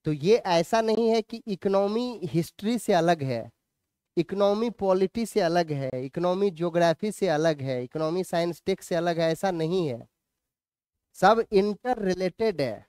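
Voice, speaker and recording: A man teaching a class, dictating slowly phrase by phrase and repeating lines, with asides to students. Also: high voice, lively intonation, darkish tone, smooth, no echo, studio quality.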